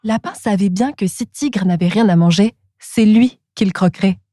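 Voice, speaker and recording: A woman narrating a children's storybook in a calm, clear storytelling manner. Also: mid-range voice, normal speed, no echo.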